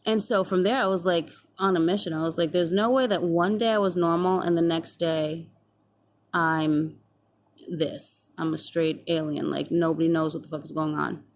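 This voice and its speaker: A young woman with a slightly low voice talks straight to the camera in a loose, chatty vlog. She replays old conversations as she goes and swears without thinking twice. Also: fairly even intonation, moderate pace. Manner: chatty, acts out past conversations, swears freely. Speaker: vlogger. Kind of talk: casual storytelling to camera.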